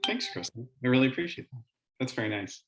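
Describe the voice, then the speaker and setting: Middle-aged man, halting, in an echoey room. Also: medium pitch, expressive, a bit bright. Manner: hesitant, halting phrasing with frequent pauses. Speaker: instructional coach and webinar presenter. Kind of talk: informal presentation. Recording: roomy, echoing sound.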